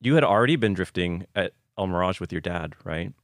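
A man's voice: low-pitched, animated, fairly quick, no echo, studio quality. A man co-hosting a podcast, prompting the guest with questions and wry asides. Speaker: podcast co-host. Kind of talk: casual podcast interview.

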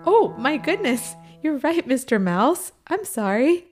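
Casting: encouraging woman teacher on a kids' show, slightly high voice, soft music under her. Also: very animated. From Ecuador. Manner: warm, upbeat, encouraging, slow teacher-like delivery. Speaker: co-host and Spanish teacher. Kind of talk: children's language lesson.

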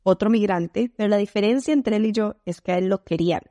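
A woman from Costa Rica with a Costa Rican accent, a podcast guest telling her story in a candid, animated way. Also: mid-range voice, a little fast, dry recording, clean studio sound. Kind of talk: casual podcast conversation.

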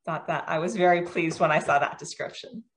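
A woman's voice: sits low, steady tone, a little fast. An American woman in her forties, a guest author, talking in a chatty, self-deprecating way with frequent ums. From United States. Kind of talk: casual interview.

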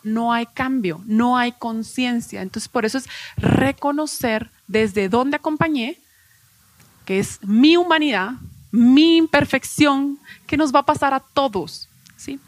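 A woman's voice: high-pitched, no room sound. Woman explaining parenting to an audience. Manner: acts out parent and child voices in examples. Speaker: guest educational psychologist. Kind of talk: explanatory talk at a live event.

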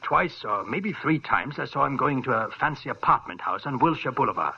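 The actor here has a husky, medium-pitched voice with vocal fry, lively intonation and moderate pacing. Heard on a dull old radio recording, he plays a worried, earnest older male doctor in 1940s radio style, speaking hesitantly and filled with uh's.

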